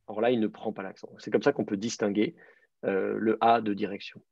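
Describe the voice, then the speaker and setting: A man with a low, husky, gravelly voice teaches a class, stopping often to restart his sentences. The sound is dry and dull, like a computer mic on a video call. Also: level tone, a little fast, darkish tone, no echo. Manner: hesitant, many fillers and restarts, explanatory. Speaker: teacher of biblical Hebrew. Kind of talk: online class lecture.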